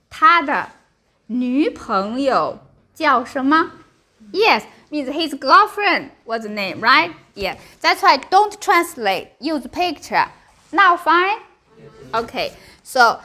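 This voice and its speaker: A woman whose first language is Mandarin Chinese teaches a language class with a Chinese accent. Her voice is high with a sharp tone, and she drills and explains in short, simple phrases, repeating and checking understanding.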